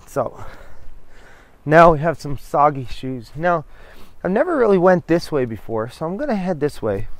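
A middle-aged vlogger from New Brunswick, Canada, chats casually into a handheld camera while hiking through windy coastal woods, rambling and interrupting himself. His voice is on the high side, with no room sound.

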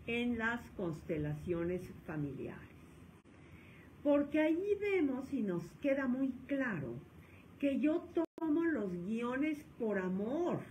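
A woman psychologist with a Mexican accent giving a lecture, animated and acting out the scolding voices of parents. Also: on the high side, slow, a little hiss or hum, low-quality recording.

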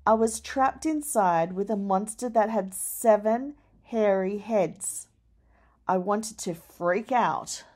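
Slow, expressive woman reading a storybook. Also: mid-range voice. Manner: expressive, dramatic rises on scary moments. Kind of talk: children's picture book read-aloud.

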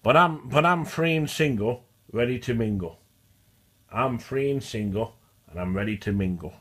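A stuttering man vlogs casually to camera at normal speed, his medium-pitched voice a bit bright and slightly rough. The monologue rambles, and he restarts and repeats phrases throughout.

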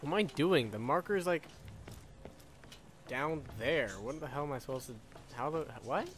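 Speaking at normal speed in a somewhat high voice, a gaming YouTuber casually commentates his live play, muttering questions and swearing mildly. Faint video game sound runs behind him, along with slight background noise.

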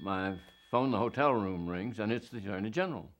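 A man's voice: lowish voice, a little fast. A man in a documentary interview vividly retelling an old phone call. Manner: vivid retelling with acted quotes.

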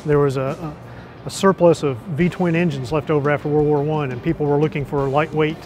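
A middle-aged museum manager explaining an old car, knowledgeable and matter-of-fact, in a large museum hall on a lapel mic. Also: male voice, fairly high pitch, steady tone, fairly quick, over music. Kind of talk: explaining to an interviewer.

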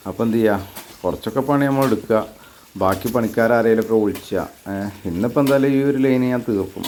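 Brisk man vlogging. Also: on the low side, a little mellow, slight background noise. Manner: brisk, chatty explaining. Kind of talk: casual vlog narration.

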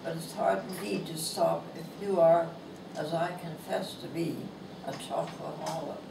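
An elderly Canadian author in her nineties reads a humorous essay of hers slowly, gently and with amusement inside a bookstore. Her voice is deep but thin and not strong, with a steady tone and vocal fry. Recorded via lapel mic and filmed from across the room, the audio sounds distant and echoey amid background noise.

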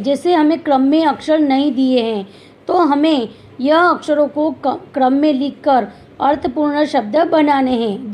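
A woman teacher giving a slow, deliberate grammar lecture to students, reading out each word twice with pauses between them. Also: high-pitched, a little mellow. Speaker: school teacher.

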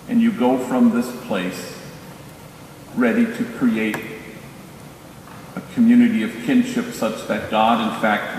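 An older priest gives a solemn commencement address, speaking very slowly and deliberately. His voice carries from far off through a big church with a long, booming echo. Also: a little hiss or hum. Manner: slow, solemn. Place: large church.

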